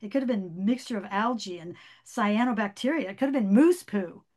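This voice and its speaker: A woman's voice: medium pitch, a little fast, a little mellow, natural voice. A woman reading aloud, voicing a fussy know-it-all boy who explains himself in a matter-of-fact way. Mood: defensive.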